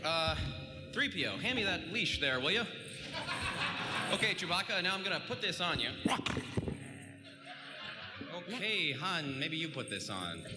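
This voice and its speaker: A man's voice: fairly high pitch, big pitch swings, measured pace, long pauses. A man playing an eager, anxious young farm-boy hero in a radio drama parody. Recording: long hall reverb, clear music behind.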